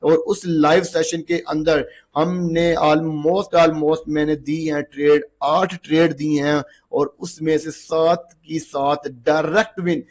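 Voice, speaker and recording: A man with a slightly hoarse voice from long talking, giving a casual, chatty trading lesson while walking through a chart on screen and checking in with the viewer often. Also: on the high side, level tone, slow, few pauses. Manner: chatty, repeats checks like "okay ji" and "look". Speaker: trading instructor.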